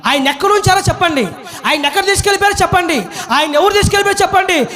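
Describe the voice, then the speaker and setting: Grieving woman voiced by a man preacher, pleading, shouting, very high pitch. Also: rapid-fire. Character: grieving woman pleading for her lost teacher.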